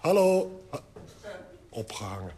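A man's voice: fairly high pitch, animated, a little slow. A man playing a groggy hungover phone caller. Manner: groggy, chuckling, sheepish on the phone. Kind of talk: comic phone monologue. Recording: loud crackle and clicks, old record.

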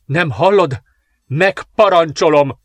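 A man's voice: fairly high pitch, fairly even intonation, fairly bright tone, dry recording, pitched above the performer's own voice. A man voicing a young princess in the pain of childbirth, pleading and anguished, in a storybook reading. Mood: commanding. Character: desperate young princess in labor.

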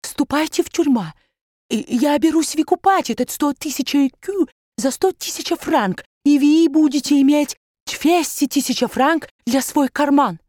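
A woman's voice: high-pitched, unhurried, a little mellow, no echo, studio quality, pitched above the performer's own voice. A woman voicing a pompous older male banker who speaks broken, foreign-accented speech in sudden outbursts. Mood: blustering.

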